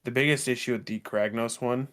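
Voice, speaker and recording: A man's voice: medium pitch, steady tone, fairly quick, a bit bright. A young man co-hosting a podcast, laid-back and chatty in casual conversation. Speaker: podcast co-host. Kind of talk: casual chat.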